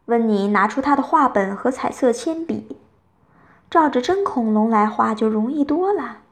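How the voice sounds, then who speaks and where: A woman reading a bedtime story to children, telling it gently and with lively expression. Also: on the high side, normal speed.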